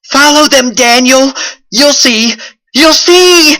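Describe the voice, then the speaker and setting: An unhinged young man with a shrill, urgent cry. The high, strained voice sounds thin and pleading. It comes across as frantic. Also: slow pace, pushed and bright, heavily acted, poor audio.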